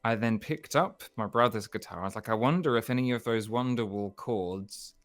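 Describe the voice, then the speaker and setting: A man, a musician guest, speaking in a soft, reflective way with frequent restarts. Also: medium pitch, moderate pace, soft background music. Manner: soft-spoken, reflective, stammers and restarts often. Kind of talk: relaxed interview chat.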